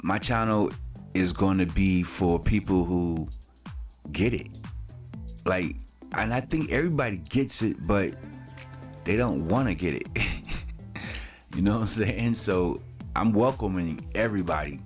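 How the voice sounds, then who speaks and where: With faint music behind him, a man in his late forties speaks in a low voice, a little slowly and with frequent pauses. He's the host of his own channel, rambling loosely with slang, lots of "you know," and casual cursing.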